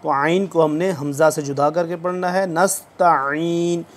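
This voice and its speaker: A man teaching tajweed, giving quick explanations between slow, drawn-out recitations. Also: fairly high pitch, fairly even intonation. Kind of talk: tajweed lesson, explaining then reciting slowly.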